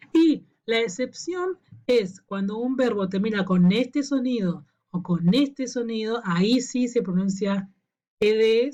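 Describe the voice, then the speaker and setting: A woman's voice: medium pitch, mellow. Woman teaching pronunciation, patient, keeps asking "sí?", kinda lo-fi audio. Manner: patient, checks in with frequent "¿sí?". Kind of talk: explanatory lesson to camera.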